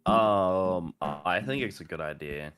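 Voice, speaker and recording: A young man with a cold, reading aloud haltingly, then chatting casually over voice chat. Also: low-pitched. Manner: halting, with many restarts. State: congested from a cold and allergies. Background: music.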